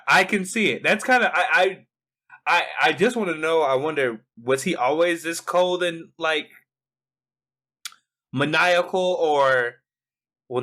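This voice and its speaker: A man co-hosting a casual anime review podcast, animated and profane, often restarting his sentences. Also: fairly high pitch. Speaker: podcast co-host.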